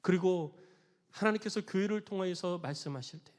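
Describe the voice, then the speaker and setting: A male pastor delivers a sermon with a strikingly high voice. He preaches emphatically and tells a parable, acting out the quoted voices. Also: brisk, in a large hall. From Korea. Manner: emphatic preaching, acts out quoted voices with raised pitch and volume.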